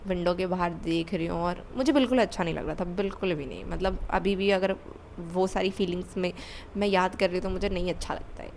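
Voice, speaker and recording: A woman's voice: lowish voice, fairly quick, vocal fry, darkish tone, slight background noise. A young woman vlogger telling a candid personal story, repeating words for emphasis. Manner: candid, confessional, with emphatic repetition.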